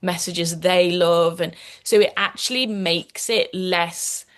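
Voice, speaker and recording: A woman's voice: lowish voice, steady tone, slow pace, a bit bright. A woman with a Scouse accent, a guest in a podcast interview, explaining at length in an earnest way with frequent restarts. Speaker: guest, activist and author.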